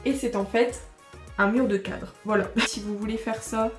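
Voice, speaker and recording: A woman's voice: medium pitch, fairly even intonation, normal speed. A teenage girl chatting casually through a tour of her bedroom, rambling and full of fillers. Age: teens. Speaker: vlogger giving a room tour. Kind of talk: casual chat. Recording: roomy bedroom echo, faint music.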